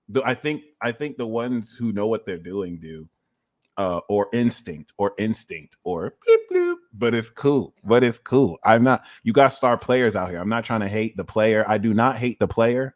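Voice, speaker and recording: A man's voice: on the low side, very animated, normal speed, dry recording, studio quality. A man from New Jersey giving a casual, rambling astrology talk, prone to tangents and repeating his phrases. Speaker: astrologer and reader.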